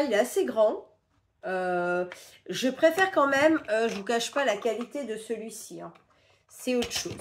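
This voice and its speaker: A woman's voice: a little high, slight background noise. A woman from France chatting casually through a shopping haul, rambling with fillers and sounding sick and stuffy. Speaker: vlogger showing a shopping haul. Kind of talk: casual haul chat to camera.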